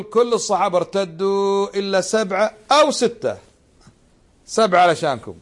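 Man, middle-aged, religious lesson, high voice, rhetorical questions, emphatic repetition. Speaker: sheikh giving a religious lesson. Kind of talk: religious lesson explaining a text.

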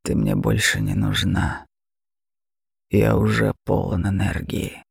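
An actor playing a huge, cruel, mocking male dragon in an audiobook, growling slowly and sneering. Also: fairly low pitch, big pitch swings, creaky, husky, no echo, studio quality, exaggerated voice. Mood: menacing. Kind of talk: audiobook acting.

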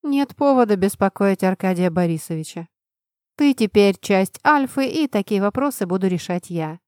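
A woman reading an audiobook, voicing a self-assured young male student leader who lectures calmly and commandingly. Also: medium pitch, normal speed, no room sound, studio quality, close to an everyday voice. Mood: lecturing. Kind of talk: audiobook narration.

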